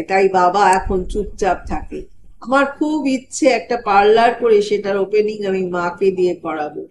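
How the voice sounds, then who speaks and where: A woman reading a short story aloud as narrator, in a gentle, expressive recitation that lightly voices the characters' lines. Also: mid-range voice, slight background noise, low-quality recording. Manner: gentle expressive reading, softly voicing the girl's and mother's lines.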